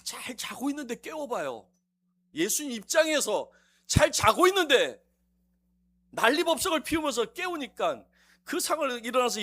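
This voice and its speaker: A man preaching a sermon in a church, acting out quotes with sudden shouts and teasing the congregation between quiet asides. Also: extremely high pitch. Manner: animated, acts out quotes with shouts and mock dialogue. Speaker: district officer preaching a visiting sermon. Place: church sanctuary.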